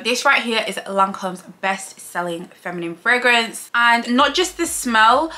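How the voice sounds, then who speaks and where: A bubbly young Yorkshire woman from Leeds, England vlogs about beauty from her bedroom, chatting casually to camera and talking with her hands. Her voice is medium in pitch, with a bright, forceful tone.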